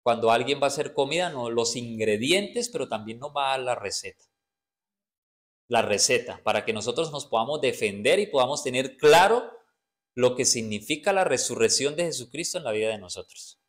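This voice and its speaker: A man's voice: medium pitch, animated, brisk. A man preaching a sermon to his congregation, stopping to ask them questions and answering himself, often repeating words while he searches for them. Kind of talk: sermon teaching.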